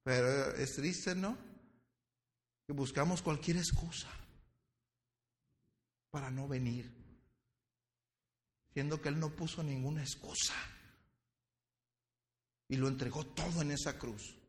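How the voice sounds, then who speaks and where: A male pastor preaching a sermon with impassioned delivery. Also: on the high side. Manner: impassioned preaching, dwells on words slowly.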